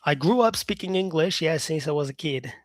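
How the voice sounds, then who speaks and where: A Brazilian man who teaches English talks with live-stream viewers and their comments, expressive and a little fast in a slightly high voice. His manner is casual and upbeat with frequent "yeah," recorded in studio quality with no room sound.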